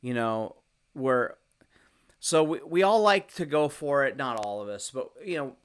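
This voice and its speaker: A young man co-hosting a casual sports podcast, talking in a measured, rambling way with frequent restarts. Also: medium pitch, lively intonation, smooth. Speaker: podcast co-host.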